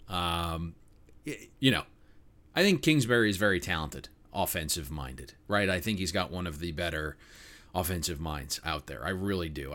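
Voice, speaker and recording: Deep-voiced opinionated sports podcaster. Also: male voice, fairly bright tone. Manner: opinionated, rambling with frequent fillers. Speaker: podcast co-host. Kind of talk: casual sports betting talk.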